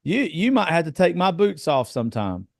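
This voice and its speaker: A man's voice: a little high, sing-song, moderate pace, creaky, no room sound, studio quality. A man in his thirties chatting bluntly on a podcast, swearing freely and telling stories from his home life. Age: 30s. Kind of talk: casual chat.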